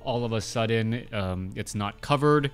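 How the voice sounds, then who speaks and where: Faint music plays as a game caster in his thirties, a native Cantonese speaker, gives casual play-by-play of a strategy match. He talks at normal speed in a fairly low voice, often using fillers and restarting his sentences.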